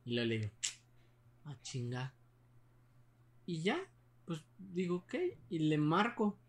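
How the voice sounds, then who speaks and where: Chatty young Mexican guy, slightly high. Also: very animated, moderate pace. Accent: Mexican Spanish. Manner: rambling, full of slang and restarts. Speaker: storyteller. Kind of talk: casual chat, telling a ghost story.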